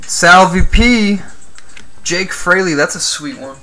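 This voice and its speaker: A man hosts a card-opening stream, speaking at a slow, unhurried pace. His voice is bright and forward, and a little higher than most men's. He reads out names and trades jokes with the chat. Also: lively intonation. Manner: reads names aloud, chats with viewers, jokes about yawning. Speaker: card break host. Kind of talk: live-stream commentary while opening cards.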